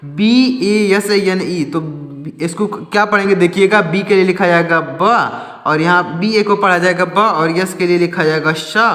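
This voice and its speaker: A man teaching a slow reading lesson, spelling words out letter by letter, asking and answering his own questions and often correcting himself. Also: high voice, sharp tone, reverberant, in a large hall.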